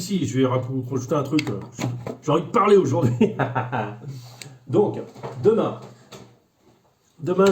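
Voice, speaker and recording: A man chatting casually to his viewers as a hobby vlogger, rambling with many fillers and restarts, his pitch often jumping up. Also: darkish tone.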